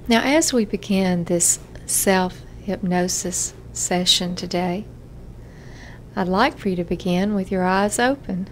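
A woman therapist guides a self-hypnosis relaxation session, offering gentle, measured instructions broken by frequent pauses. Her voice is lowish, with a little hiss or hum in the recording.

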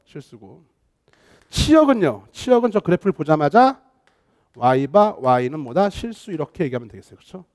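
With a slightly high voice at a normal speed, a man leads a math class online. He's animated and encouraging, often making sure students understand, and his speech shifts between polite and informal.

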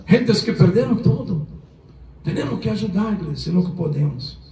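Preacher, male, high voice, echoey church, distant mic. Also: lively intonation, moderate pace, vocal fry, mellow. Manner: mixes Spanish and Portuguese, calls the congregation to repeat. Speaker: pastor. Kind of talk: sermon.

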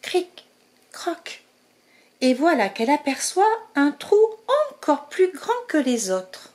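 A woman reading a picture book aloud to children, slow and expressive, talking to her young listeners. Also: high voice. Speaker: storyteller.

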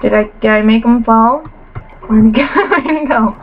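A woman's voice: on the high side, moderate pace, slight background noise. Sniffly teen girl gaming, dull mic. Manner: chatty, self-mocking, playful trash talk. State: sniffly after a cold. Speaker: gamer commentator. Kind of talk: casual gameplay commentary.

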